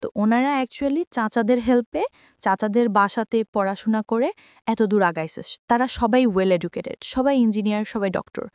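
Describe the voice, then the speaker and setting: On a radio show, a woman with a Bangladeshi accent tells a personal life story conversationally, her voice on the high side and a little mellow at a moderate pace. She acts out reported dialogue as she narrates and mixes English words into her speech. The recording is dry.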